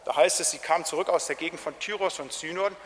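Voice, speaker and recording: A man delivers a sermon in a lively, colloquial storytelling manner, slipping into acted quotes as he goes. His voice sits high for a man. The sound rings with the long reverb of a hall. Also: fast talker, slight background noise. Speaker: preacher.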